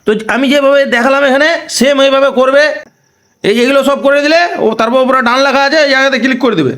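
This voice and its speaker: A man's voice: very high voice, steady tone, fast talker, fairly bright tone. A man walking viewers through a phone app tutorial step by step, repeating each instruction and checking in with tag questions. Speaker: tutorial host. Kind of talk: screen-recording tutorial.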